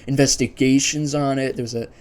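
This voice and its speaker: A man with a mid-range, slightly mellow voice hosts a video ranking a series list, speaking briskly with fairly even intonation. He's casual and unscripted, thinking aloud in a conversational way and offering his opinions.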